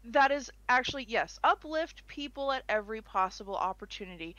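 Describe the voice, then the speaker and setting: A woman's voice: on the high side, lively intonation, a little fast, sharp tone, no echo, dull audio. A young woman co-hosting a casual podcast chat, chatty and giggly, rambling with restarts. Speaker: co-host.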